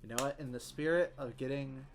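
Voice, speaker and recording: Fairly quick and medium-pitched, this Southern United States game streamer keeps up rambling, joking commentary in a Southern accent. Expect self-mocking humor and sudden excited squeals, plus clear keyboard typing and clicks behind him.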